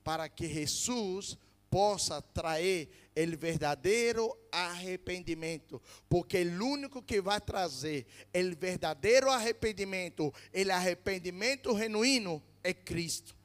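A man preaching a fervent sermon, swinging from loud emphatic peaks to low quiet asides. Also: animated, measured pace, big-room sound.

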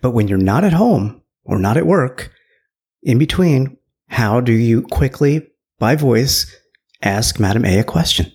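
A man co-hosting a tech podcast, chatty and sarcastic in casual talk, quick to laugh. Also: medium pitch, lively intonation, a little mellow, breathy edge. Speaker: podcast co-host.

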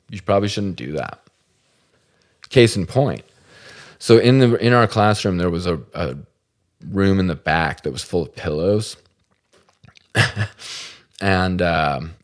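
A man from the Salt Lake area hosting a podcast, telling a funny story casually, swearing freely and laughing at himself. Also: deep voice. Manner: swears freely, animated and self-deprecating. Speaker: podcast host.

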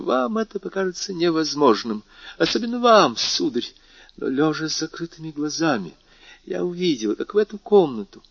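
Brief: man putting on a proud, feverish old grandmother, urgent and pleading, shifted high. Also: creaky, a bit bright, slightly rough, no room sound, heavily acted. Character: feverish proud old woman, insistent and haunted. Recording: dull dry lo-fi audiobook.

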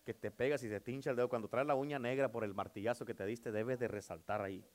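A man, a pastor preaching a sermon, calling out amen often and swinging between loud declarations and hushed passages. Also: medium pitch, steady tone, fast talker.

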